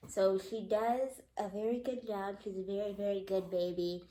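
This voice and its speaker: In a warm, mid-range voice with little pitch movement and a normal pace, a young mom shares a laid-back vlog update. She's somewhat stuffy and nasal, rambling chattily with plenty of ums and likes, and the room echoes.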